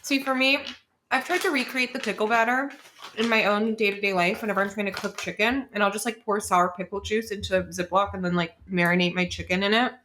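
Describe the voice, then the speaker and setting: An easygoing woman co-host in casual chat over a meal, agreeable and quick with short affirmations. Her voice sits at an ordinary middle pitch. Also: steady tone, sharp tone, slight background noise. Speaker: podcast co-host. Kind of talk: casual chat while eating.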